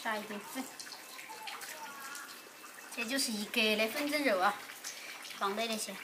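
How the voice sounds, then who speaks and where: A woman's voice: a little high, a little slow, noisy background. A young woman speaking in Sichuan dialect, casually chatting through a cooking demonstration as a vlog host in an open-air village kitchen. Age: young adult.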